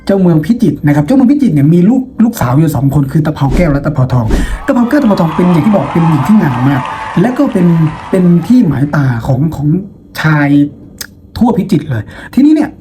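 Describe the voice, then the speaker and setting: Talking quickly and very animatedly in a slightly high voice, the teacher hosting this lesson video tells stories playfully and informally to his students. He poses plenty of rhetorical questions, with noticeable noise in the background.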